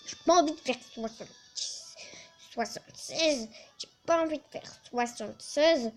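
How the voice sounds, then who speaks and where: A woman giving casual, excitable let's play commentary, chatting to her team and swearing at opponents. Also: high voice, moderate pace, faint music behind.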